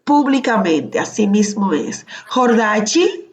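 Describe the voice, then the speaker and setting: A woman's voice: on the high side, slow pace, soft background music. A woman teaching a class over a video call, patiently asking questions and calling on students by name. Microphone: computer mic on a video call.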